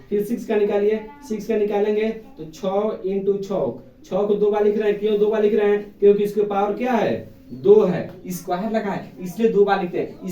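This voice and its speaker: A man's voice: sits high, mellow, far from the mic, muffled recording. A man teaching a basic math lesson to children, asking questions and answering them himself in a patient, repetitive way. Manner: calls pupils "babu", affectionate. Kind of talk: classroom lesson. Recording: echoey room, voice from off the mic.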